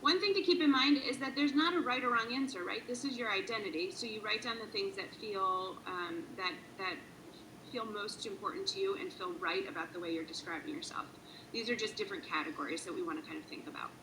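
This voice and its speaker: A woman's voice: medium pitch, a little fast, noisy background. A woman explaining identity terms in a patient, teacherly way, leading a guided conversation. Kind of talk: guided identity worksheet discussion.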